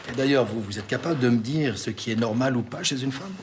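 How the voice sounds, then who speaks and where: An actor as a hearty reassuring doctor. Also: male voice, medium pitch, quick pace, background noise, natural voice. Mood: jovial. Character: jovial reassuring country doctor.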